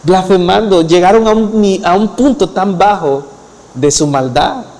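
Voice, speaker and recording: A man preaching an expository sermon, retelling scripture in his own words and rising in pitch when he presses a point. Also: a little slow, a little mellow. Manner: retells scripture in acted quotes, lowering his voice for them. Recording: long hall reverb.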